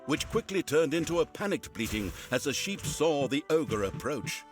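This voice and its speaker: An actor playing a droll, sarcastic storybook narrator in a comic video game, with pompous, theatrical delivery. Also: male voice, on the high side, big pitch swings, moderate pace. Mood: droll storytelling. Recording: music behind the voice.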